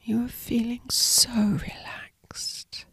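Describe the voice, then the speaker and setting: A woman narrating a scripted sleep story as a guided meditation, in a breathy, hushed, soothing whisper. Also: on the high side, flat delivery, extremely slow, dry recording.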